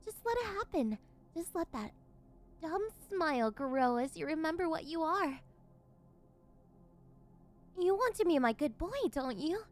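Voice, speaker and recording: A woman's voice: very high voice, expressive, a little slow, pauses often. A woman playing a possessive, unhinged yandere villainess in an ASMR role-play, cooing and teasing condescendingly as she domineers over her captive. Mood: gleeful cooing.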